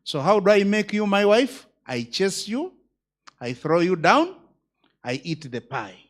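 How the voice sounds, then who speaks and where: A man's voice: high-pitched, big pitch swings, unhurried. A man, a judge giving a speech at a conference, emphatic and full of rhetorical questions.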